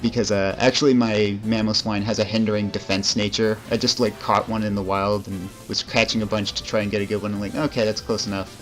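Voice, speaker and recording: A man's voice: on the low side, flat delivery, brisk, few pauses, faint music behind. A young man giving casual, rambling commentary over a video game, with frequent fillers and self-deprecating asides. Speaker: let's play commentator.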